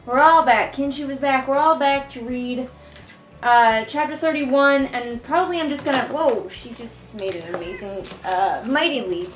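A high-voiced young woman speaks at a moderate pace, though the audio quality is poor. As a book reviewer reading along indoors on her living room couch, she delivers exasperated, sarcastic, informal commentary, captured by a camera set a short way off.

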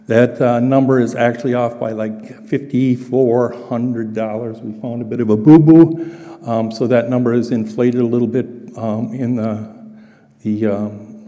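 Older man with a halting delivery in a reverberant church. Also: mid-range voice, warm tone. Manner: halting, with frequent fillers and restarts. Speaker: church finance presenter. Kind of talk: informal financial report at a congregation meeting. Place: large church sanctuary, indoors. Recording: long church hall reverb.

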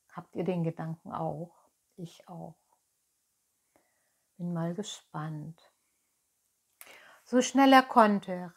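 A woman reading a children's book aloud, calm and expressive, with brief asides to her listeners. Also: fairly low pitch. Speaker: storyteller, children's story host.

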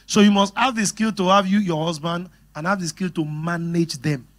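A middle-aged pastor with a Nigerian English accent giving a sermon on marriage, animated and often laughing as he talks straight to the congregation. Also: sits high, moderate pace.

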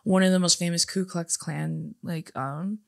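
A woman's voice: lowish voice, steady tone, unhurried, vocal fry, a little mellow. A young woman co-hosting a podcast who tells stories in a loose, chatty way with offhand asides. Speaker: podcast co-host. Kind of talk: casual chat.

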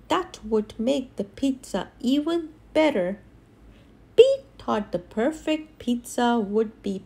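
Very slow, high-pitched woman reading to a toddler. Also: gravelly. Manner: sing-song, expressive, deliberate emphasis on key words. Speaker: storybook reader. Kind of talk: reading a picture book aloud to a toddler.

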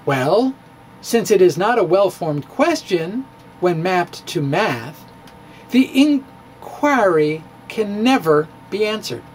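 Reading his physics blog aloud with theatrical flair, wry humor and playful asides, a middle-aged man speaks in a high-pitched, sing-song, slow voice. He's at a stand-mounted studio mic in a small room lined with bookshelves, and a little hiss or hum is audible.

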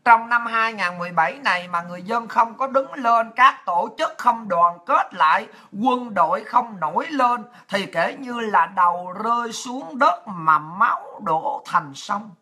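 A woman's voice: on the high side, animated, measured pace, hardly any pauses, pushed and bright. Blunt, combative woman commentator. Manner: blunt, coarse, combative, scolds listeners directly. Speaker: political commentator. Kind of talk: livestream commentary rant.

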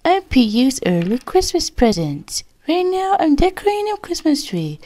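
A woman voicing a cheerful young female Christmas bear in a high-pitched, sweet, encouraging voice, as if speaking to small children. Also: big pitch swings, moderate pace, warm tone. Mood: cheerful, inviting. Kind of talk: children's character voice lines.

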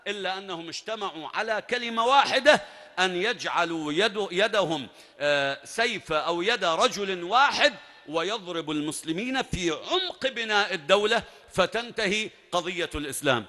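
Male preacher, bright and forceful, dramatic sermon storytelling, echoing hall. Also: sits high, animated, moderate pace. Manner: dramatic, emphatic narration with rising bursts. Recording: long reverb at a large venue.

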